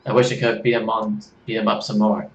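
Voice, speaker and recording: A man doing a cocky tomboy brawler girl, rough put-on Aussie-British twang. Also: lowish voice, level tone, a little fast, dull audio, a little hiss or hum, lightly acted. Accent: put-on Australian-British. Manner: cocky, slangy, calls people mate. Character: brash young woman brawler, tomboyish. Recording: roomy room, faint game music.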